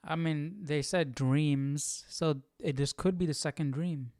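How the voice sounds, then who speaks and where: A man with a somewhat high, steady, slightly mellow voice speaks a bit slowly. He hosts a Bible study livestream, talking casually and posing questions as he thinks aloud to himself.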